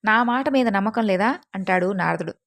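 Woman doing an old sage, gentle, advising, calm tone. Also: medium pitch, normal speed, gravelly. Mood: counselling. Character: wise calm male sage, older.

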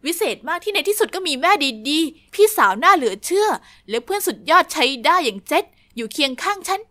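A woman with a high voice narrates a dramatic animated story in the first person. Her delivery is scripted and expressive, recorded dry and close with no room sound. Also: fairly quick, no echo.

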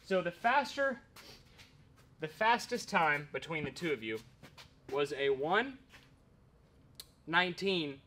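A man's voice: fairly high pitch, sing-song, slow pace, long pauses, bright, forceful tone, a little hiss or hum. A man hosting in an indoor garage workshop, upbeat and presenting to the camera. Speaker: host. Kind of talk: casual show outro.

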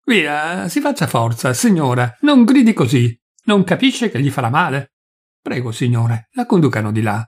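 A man's voice: a little high, big pitch swings, moderate pace. A man voicing an authoritative, impatient doctor giving urgent orders, in a literary audiobook reading.

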